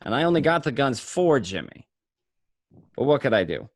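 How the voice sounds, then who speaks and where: In this radio play, a man with a medium-pitched voice and big pitch swings plays a paranoid, streetwise gangster describing his day in first-person crime narration. He speaks at a normal speed in a coarse, conversational, matter-of-fact way, recorded dry at studio quality.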